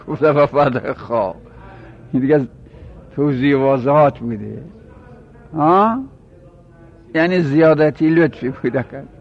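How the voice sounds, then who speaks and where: Man teaching a grammar class, lo-fi. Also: a little high. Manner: reads verse lines slowly, explains quickly, quizzes students. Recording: dull lo-fi recording.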